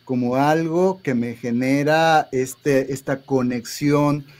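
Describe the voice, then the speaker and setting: A man's voice: mid-range voice, takes it slowly, darkish tone. A man, a therapist guest in an interview, explaining ideas with hesitant restarts and frequent tag questions.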